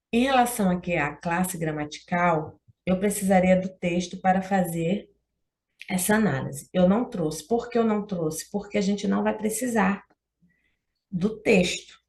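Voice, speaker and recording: A woman's voice: medium pitch, darkish tone. A Brazilian woman teaching exam-prep Portuguese, walking through test questions and often checking in with the listener.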